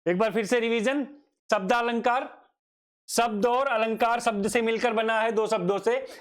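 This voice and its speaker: A man's voice: very high voice, fairly even intonation, normal speed. A man teaching a grammar lesson, asking himself questions, repeating each definition and calling his students "child". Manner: addresses students fondly as child. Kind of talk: Hindi grammar lecture.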